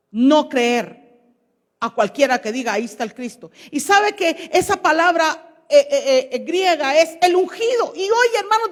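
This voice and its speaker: A woman pastor preaching a sermon to her congregation, questioning them and reading scripture aloud. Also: very high-pitched. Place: church. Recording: long church hall reverb.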